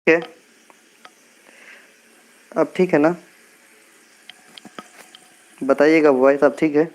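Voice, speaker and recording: A man's voice: fairly high pitch, steady tone, slow, low-quality recording. A man hosting a live stream, chatting casually with viewers and teasing them by name. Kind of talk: casual live chat reading comments. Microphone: earphone mic.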